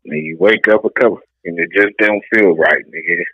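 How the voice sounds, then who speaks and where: A man chatting casually in halting, repetitive street slang over a narrow phone-like line. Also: deep voice, bright, forceful tone, slightly rough. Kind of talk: casual chat.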